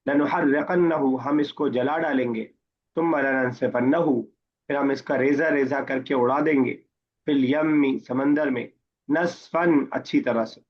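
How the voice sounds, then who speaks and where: A man teaching an online class word by word, reading Arabic slowly, then explaining it in Urdu and asking his students questions. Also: medium pitch, fairly even intonation. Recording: muffled lo-fi online class audio.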